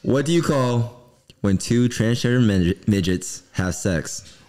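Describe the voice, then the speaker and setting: A man's voice: medium pitch, lively intonation, slow, a loud crowd. A young man telling dirty jokes in casual banter, with a leering, smutty manner. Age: young adult. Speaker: joke teller. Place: small indoor podcast studio. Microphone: desk microphone on stand.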